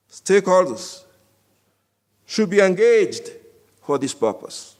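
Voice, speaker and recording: Conference speaker, man, lively slow delivery, heard from a distance. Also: fairly high pitch. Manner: slow, deliberate, emphatic. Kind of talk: formal speech.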